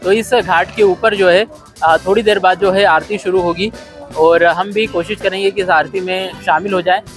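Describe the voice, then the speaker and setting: A man's voice: high voice, steady tone, normal speed, soft background music. A man from India, a travel vlogger and yoga teacher, chatting casually outdoors by a lake with many fillers. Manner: chatty, rambling, frequent fillers. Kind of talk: casual travel vlog narration. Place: outdoors by a lakeside ghat.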